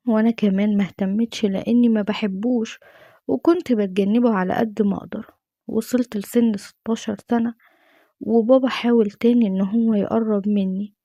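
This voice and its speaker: A woman's voice: mid-range voice, fairly even intonation, brisk, warm tone, no room sound, lo-fi sound. A woman with an Egyptian accent telling a dramatic first-person story in an earnest, emotional way.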